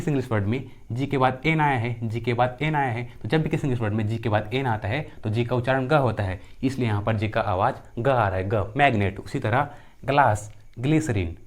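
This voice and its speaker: A young man teaching pronunciation, repeating each rule and example word and answering his own questions. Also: mid-range voice. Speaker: English teacher. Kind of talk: pronunciation lesson.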